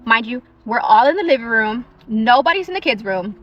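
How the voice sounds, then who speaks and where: A young woman in a parked car telling a true story in a chatty, animated way, eating on her lunch break. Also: fairly high pitch, a little fast, muffled recording. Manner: chatty and animated, eating while she talks. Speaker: social media storyteller.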